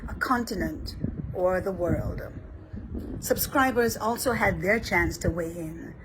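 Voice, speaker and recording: A woman from Barbados, an Episcopal priest giving a measured, scripted reflection. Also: on the low side, a little hiss or hum, poor audio.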